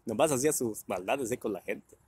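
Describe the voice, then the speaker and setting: A man's voice: medium pitch, animated, a little fast, a little mellow, slightly rough, no echo. A man from Guerrero with a Mexican Spanish accent, telling family anecdotes in a casual way with crude slang and frequent laughs. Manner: laughing often, crude slang, acts out voices. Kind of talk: casual storytelling.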